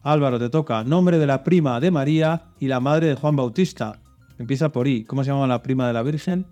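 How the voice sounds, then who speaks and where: A man's voice: mid-range voice, fairly quick, mellow, lo-fi sound, faint music behind. A man hosting a children's religious quiz show, reading out clues and coaxing the contestants with hints. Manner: reads clues then coaxes and hints. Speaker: quiz host.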